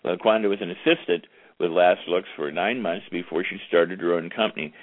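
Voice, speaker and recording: A man with a deep, low voice hosts an internet talk radio show, chatting briskly in a relaxed, easygoing way and plugging the show. The audio is tinny and phone-like, completely dry with no room echo.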